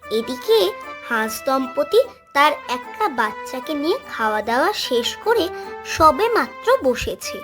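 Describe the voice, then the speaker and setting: A woman narrating a children's cartoon story in an expressive way. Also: sits high, unhurried. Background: background music.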